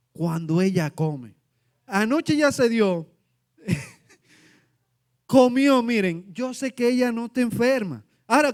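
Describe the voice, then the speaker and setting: A middle-aged man preaching a sermon, animated, acting out the lines he quotes. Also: high voice.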